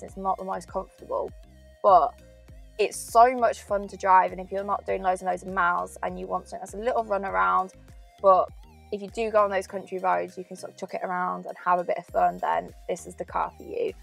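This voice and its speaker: A woman's voice: on the low side, little pitch movement, fairly quick, creaky, soft background music, low-quality recording. A woman, chatting enthusiastically through a car review while driving.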